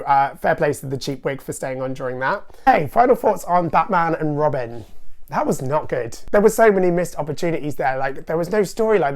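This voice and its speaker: A woman hosting a comic film review, talking in a dry, sarcastic way with wry asides. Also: low-pitched. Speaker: host reviewing films.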